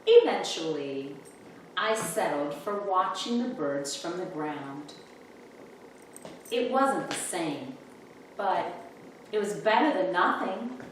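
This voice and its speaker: In a lowish voice, a woman reads a children's picture book aloud, telling the story expressively and deliberately. The recording is echoey with a distant mic and faint room noise.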